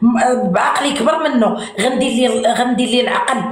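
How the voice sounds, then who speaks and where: A woman's voice: on the high side, fairly quick, faint music behind. A woman with a Moroccan accent in a heated argument on a live stream, talking over her partner and hammering the same point. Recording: echoey room.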